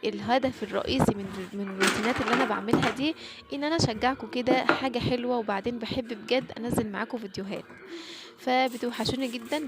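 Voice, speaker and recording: A quick-talking Egyptian woman narrates her home cleaning vlog as a voice-over. Her voice sits a little high, and she keeps turning to her viewers to cheer them on. Her tone stays chatty and homely. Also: noisy background. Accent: Egyptian Arabic. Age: middle-aged. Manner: warm, encouraging, addresses viewers directly. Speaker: home vlogger.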